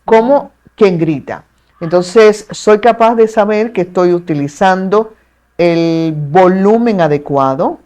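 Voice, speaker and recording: A woman with a Dominican accent, a communication expert speaking as a guest in an interview, articulate and measured with playful asides. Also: on the low side, mellow. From Dominican Republic. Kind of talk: explanatory interview talk.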